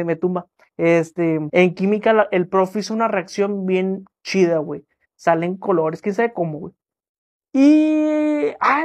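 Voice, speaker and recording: A young Mexican man with a Mexican accent, a vlogger and musician talking in casual comedic sketches, full of slang and jokes. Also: sits high. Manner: slangy, joking, mock voices in quotes.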